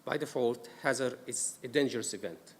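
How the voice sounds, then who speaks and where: A man with an Egyptian accent, originally from Egypt, gives a council a risk management workshop, explaining with care and frequent "uh" fillers. He speaks a little fast in a mid-range voice. Noise and reverb fill the council meeting room, captured by a distant mic.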